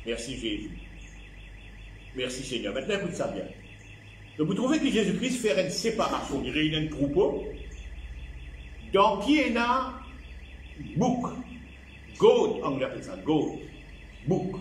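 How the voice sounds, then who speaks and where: A man's voice: a little high, very animated, measured pace, long pauses, a little hiss or hum. A man with a Mauritian accent preaching a sermon as a pastor, repeating key phrases and dropping in English words. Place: church. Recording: echoey church hall.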